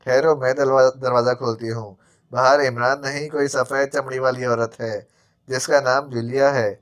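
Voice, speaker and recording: A man's voice: mid-range voice, steady tone, close to an everyday voice. A male narrator voicing a bloodthirsty female spirit who taunts and scolds. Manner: taunting, sharp.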